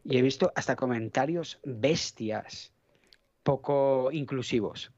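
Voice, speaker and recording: A man's voice: mid-range voice, takes it slowly, a little mellow, no echo, lo-fi sound. Rambling man with a faint Catalan accent. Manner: rambling, searches for words, swears casually. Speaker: podcast guest. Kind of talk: casual chat.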